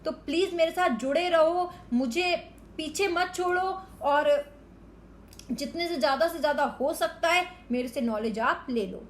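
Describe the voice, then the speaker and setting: A woman teaching a Hindi grammar lesson to children, explaining slowly and carefully word by word and mixing in English words. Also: sits high, slight background noise.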